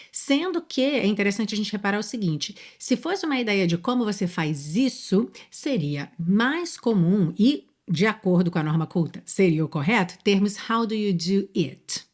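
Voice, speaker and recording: A woman with a Brazilian Portuguese accent, an English teacher explaining song lyrics step by step and reading the English lines slowly and clearly. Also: mid-range voice.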